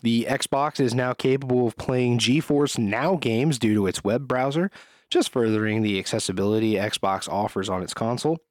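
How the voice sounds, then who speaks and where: Relaxed male podcast host. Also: medium pitch, normal speed, no room sound. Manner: relaxed, filler-laden delivery. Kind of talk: casual podcast news roundup.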